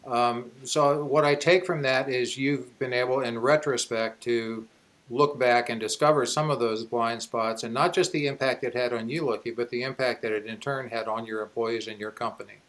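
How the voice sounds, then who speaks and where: A man hosting a podcast, asking measured, attentive questions with some fillers. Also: medium pitch, steady tone, a bit bright. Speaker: podcast host. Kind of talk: podcast interview.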